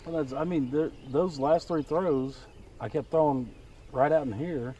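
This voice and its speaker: A man's voice: a little high, measured pace. A man chatting casually with his fishing partner outdoors on a boat. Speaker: fishing companion. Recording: noisy outdoors, distant from mic.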